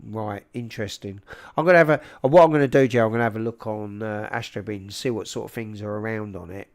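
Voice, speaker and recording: A man's voice: lowish voice, fast talker, a little mellow. Casual South London man chatting on a livestream. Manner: informal and matey, calling people "mate". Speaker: livestream host. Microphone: large microphone up close.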